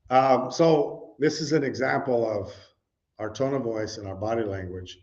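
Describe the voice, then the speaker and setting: Captured on a dull lo-fi recording, a middle-aged man delivers a relaxed, conversational sermon with slides in a church meeting room, frequently saying "you know" and questioning his audience, who respond. He speaks in a medium-pitched, darkish voice without hurrying.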